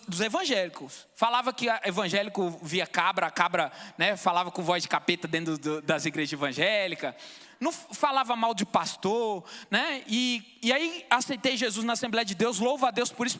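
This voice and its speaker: A man's voice: sits high, pushed and bright, in a large hall. A man in his thirties from Brazil giving an emotional, fervent testimony in church, often calling out to the brothers. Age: 30s.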